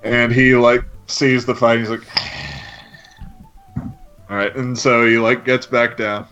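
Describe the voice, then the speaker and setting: A man's voice: medium pitch, flat delivery, moderate pace, bright, forceful tone, clear, resonant tone. A man narrating a tabletop game as game master, laying out each scene step by step in an easygoing way. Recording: dull lo-fi stream audio with faint music.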